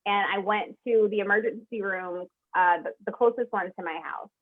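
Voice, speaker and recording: A woman's voice: medium pitch, moderate pace. Young woman telling her story, tinny line. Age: young adult. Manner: animated, heavy use of "like", quotes others. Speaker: guest. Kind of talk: personal storytelling in an interview. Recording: tinny phone-like call audio.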